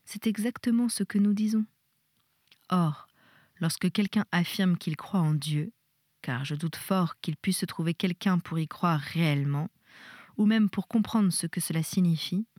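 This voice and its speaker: A woman reading the part of a weary middle-aged husband who lectures his wife in a measured, insistent way. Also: high-pitched, darkish tone, no echo, studio quality. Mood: lecturing.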